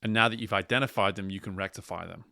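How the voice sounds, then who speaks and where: A man speaking as a coach and host in a motivational monologue, deliberate and emphatic, repeating key phrases. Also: sits low, creaky, pushed and bright, dry recording, studio quality.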